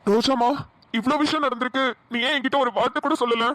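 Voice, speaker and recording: Cartoon: a soft-spoken young lover, Namakkal Tamil accent, high and bright. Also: female voice, steady tone, quick pace, dry recording. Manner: soft, concerned. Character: gentle caring young male lover.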